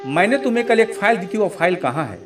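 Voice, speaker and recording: A man's voice: sits high, very animated, quick pace, music in the background. A man voicing a short-tempered young husband who grumbles and snaps, in a storybook reading. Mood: angry. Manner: grumbling, snappish.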